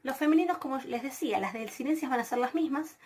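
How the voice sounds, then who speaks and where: A woman giving a recorded grammar lesson over slides. She explains patiently, with frequent fillers and self-corrections. She slows down carefully whenever she spells out a form. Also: high-pitched, darkish tone, slight background noise. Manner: slows down to spell out Greek forms. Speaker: Greek teacher.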